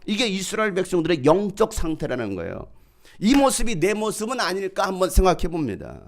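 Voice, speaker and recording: A middle-aged man preaching a sermon as pastor, swinging from loud proclaiming to hushed storytelling. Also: sits high, big pitch swings, a little fast.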